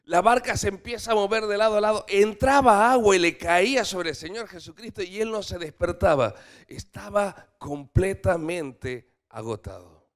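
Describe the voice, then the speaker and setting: A man preaching a church sermon, asking the congregation questions and swinging from loud to hushed. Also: high-pitched, moderate pace. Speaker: missionary preacher.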